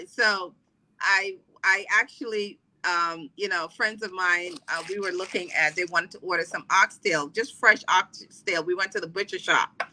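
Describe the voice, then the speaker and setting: Heard on a low-quality recording, this woman has a lowish, bright voice with a forceful tone. She's a middle-aged wellness coach from Trinidad and Barbados, speaking casually as a podcast guest with many fillers and restarts.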